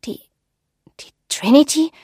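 A woman voicing a puzzled, defiant young woman who asks quick questions. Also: fairly high pitch, lively intonation, a little mellow, slightly rough, no room sound, studio quality. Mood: questioning.

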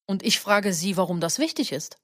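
A woman giving a measured first-person audiobook narration. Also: medium pitch, lively intonation, fairly bright tone, dry recording, clean studio sound.

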